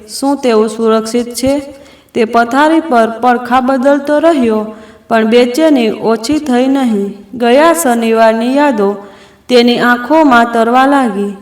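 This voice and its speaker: A woman's voice: fairly high pitch, reverberant. A woman storyteller narrating a scripted family drama in a dramatic, suspenseful way.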